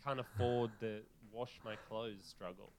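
A man's voice: fairly low pitch, steady tone, a little slow, noisy background. A man co-hosting a podcast, telling stories animatedly and swearing casually. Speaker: podcast co-host. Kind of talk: casual chat.

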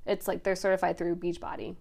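A woman's voice: on the low side, flat delivery, fast, vocal fry, a little mellow. A woman hosting a fitness podcast, casually explaining a workout class format step by step and often checking in with her guest. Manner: explains step by step, often asks "you know what I mean". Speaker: podcast host and fitness instructor.

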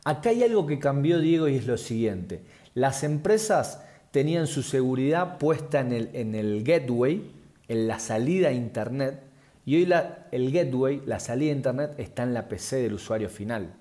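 Interview guest: man, security expert, mellow dark voice, measured explainer. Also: mid-range voice, expressive. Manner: measured, explanatory, frequent fillers and restarts.

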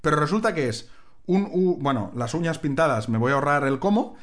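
A man co-hosting a podcast from home, telling stories in a casual, animated way and acting out other people's lines. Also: fairly high pitch, a little fast. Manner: animated storytelling with mimicry. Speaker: podcast co-host. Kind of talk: casual chat.

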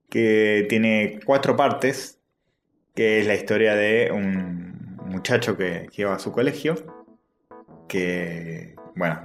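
Podcast co-host: Argentine man in his thirties, loose and jokey, mid-pitch voice, roomy echo, faint music. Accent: Argentine Rioplatense. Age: 30s. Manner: loose, joking, enthusiastic recommending. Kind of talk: casual chat.

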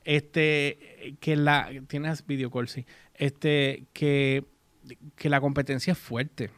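A man's voice: a little high, level tone, takes it slowly, a bit bright, clear, resonant tone, no room sound. Chatty man hosting a casual talk. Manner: chatty, reads English text aloud, mixes English words. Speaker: host. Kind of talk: casual chat.

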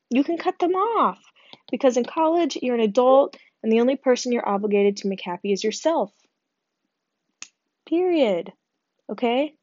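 A tired young woman talks frankly and chattily, pitched mid-range and peppered with fillers as she gives casual advice. Her voice sits dry and close, with a slightly dull, muffled sound. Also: a little mellow, no room sound. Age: young adult. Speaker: podcast host.

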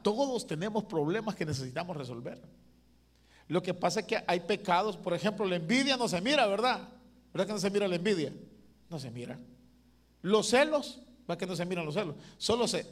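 A man preaches, his voice sitting high. He puts questions to the congregation, rising to loud appeals and dropping to near-whispered asides. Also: expressive, fairly quick. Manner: preaching with rhetorical questions, swings from loud to hushed. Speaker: pastor. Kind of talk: sermon.

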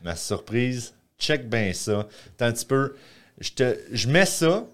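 A man hosting a podcast from a small studio. His voice swings widely in pitch as he jokes and chats loosely, filling gaps with "euh" and "tu sais". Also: very animated, unhurried, a bit bright. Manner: jokey, talkative, many fillers. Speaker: podcast host. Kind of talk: casual chat.

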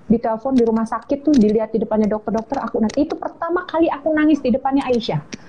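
A woman's voice: fairly high pitch, fast talker, warm tone, dull audio. A woman, a guest in a casual interview chat, telling a heartfelt story and dropping in English phrases.

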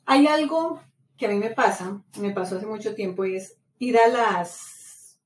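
A middle-aged woman from Latin America talks in a casual, lively monologue and repeats words as she tells a story. Her voice has a middle pitch and sounds a little distant from the microphone. It echoes in a roomy space over a faint hiss of ambient noise. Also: unhurried. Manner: animated storytelling, many repetitions. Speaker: podcast host. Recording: roomy echo, mic set far off, faint ambient noise.

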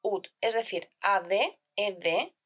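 Speaking at a medium pitch, a Spanish teacher calmly presents a scripted lesson on grammar. She keeps her explanation clear and measured, backing it with listed examples.

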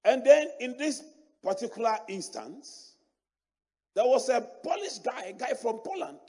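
A middle-aged man with an African accent, preaching a sermon as a bishop in animated storytelling fashion. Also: very high-pitched, measured pace, breathy edge. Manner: animated storytelling preacher, repeats and restarts words. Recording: long reverb of a large hall.

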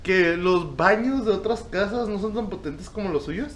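A man's voice: high-pitched, normal speed. A young man with a Mexican accent, chatting casually and joking with slang. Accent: Mexican Spanish. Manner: joking, slangy, laid-back. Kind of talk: casual chat.

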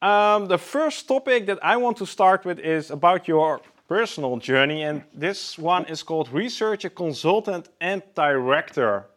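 A man's voice: high voice, expressive, moderate pace, few pauses, a bit bright. A man hosting an interview podcast, with an upbeat, welcoming presenter delivery. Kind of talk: scripted show introduction and interview.

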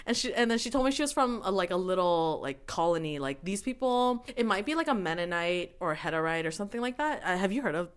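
A woman's voice: on the low side, fast talker, hardly any pauses, clear, resonant tone. A woman hosting a podcast, chatting casually with guests and laughing often. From Canada. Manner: chatty, laughing, animated questions. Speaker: podcast host.

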